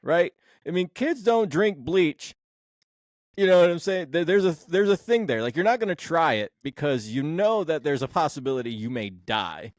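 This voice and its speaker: A man's voice: fairly high pitch, big pitch swings, normal speed, no room sound, studio quality. A man hosting a casual sports podcast, talking bluntly and rambling, with the odd swear word. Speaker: podcast host.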